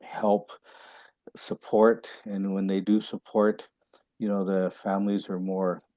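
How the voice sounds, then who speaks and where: A man with a low, mellow voice moderates a panel over a video call, thanking each speaker in a gentle, affirming way. The sound is dry and close, with no room echo. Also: flat delivery, slow. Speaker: webinar moderator.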